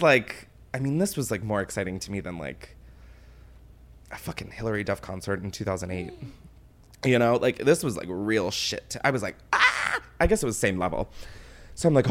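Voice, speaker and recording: Animated hungover man, comedic podcast host. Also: on the low side. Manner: animated, exclaiming, laughs while talking; dramatic, self-mocking storytelling. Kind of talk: casual comedic podcast chat.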